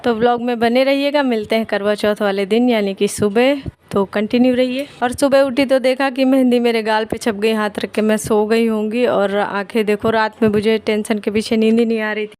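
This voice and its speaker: A woman chatting through a family vlog at home, tired from fasting. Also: a little high, steady tone, darkish tone, dry recording. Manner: chatty, homely storytelling. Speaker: vlogger.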